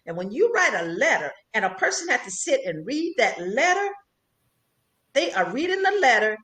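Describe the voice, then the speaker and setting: A woman's voice: a little high, fairly bright tone. An older woman, a psychologist, giving earnest advice as a podcast guest, stressing and repeating her key points. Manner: earnest, emphatic, repeats key phrases like a preacher. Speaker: psychologist and radio host, interview guest.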